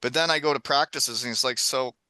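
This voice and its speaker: A man's voice: medium pitch, fast talker, pushed and bright, smooth, no room sound. A middle-aged man with a Canadian accent chatting casually and telling stories in laid-back, slangy hockey bro talk. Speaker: podcast host; hockey coach. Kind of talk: casual chat, storytelling.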